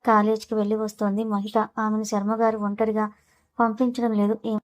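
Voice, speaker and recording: Fast-reading woman storyteller. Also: medium pitch, flat delivery. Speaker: audiobook narrator. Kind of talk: storybook narration.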